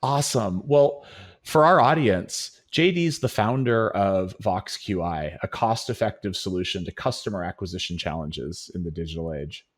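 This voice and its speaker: A man's voice: deep voice, animated, normal speed. A middle-aged man hosting a podcast, reading an upbeat scripted intro and then chatting with a guest in an enthusiastic way. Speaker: podcast host.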